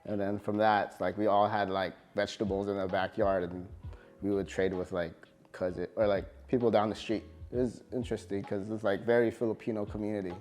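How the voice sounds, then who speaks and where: A man with a fairly low pitch, a tattoo artist from California, speaks loosely in an interview, hesitant and easygoing, filling gaps with fillers. Music plays faintly behind him.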